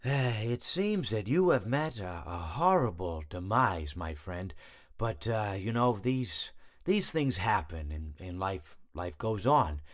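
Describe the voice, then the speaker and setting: Rambling, long-winded animatronic hippo with lively intonation. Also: male voice, fairly low pitch, slow. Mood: blasé condolence. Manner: rambling, hesitant, meandering, self-correcting. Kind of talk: storytelling monologue, video game voice acting.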